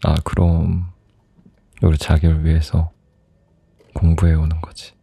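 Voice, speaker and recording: A young man in a soft, intimate ASMR role-play as a teasing, doting boyfriend, close to the microphone. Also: rumbling low, completely flat delivery, a little slow, gravelly, breathy edge, no room sound. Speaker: ASMR performer playing a boyfriend.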